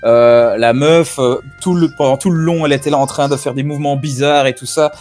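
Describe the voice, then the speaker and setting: A man talks loosely over a computer call, his voice sitting at an ordinary middle pitch. He rambles and circles back with constant fillers. Faint music plays underneath. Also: fairly even intonation, fairly quick, darkish tone. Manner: rambling, lots of fillers and "tu vois". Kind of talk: casual group discussion over a call.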